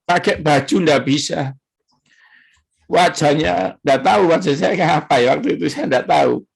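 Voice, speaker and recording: A man, a pastor giving an emotional sermon testimony at a church prayer service, speaking slowly with long pauses. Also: fairly high pitch, creaky, slightly rough. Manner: slow, emotional storytelling with drawn-out pauses.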